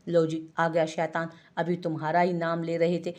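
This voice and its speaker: एक महिला कथावाचक एक शरारती, चिढ़ाने वाले युवा पति की आवाज़ पढ़ती है।. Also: female voice, sits low, monotone, moderate pace, darkish tone, natural voice. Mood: teasing. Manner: teasing, mock-innocent. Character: playful young husband teasing his wife. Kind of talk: audiobook character voice.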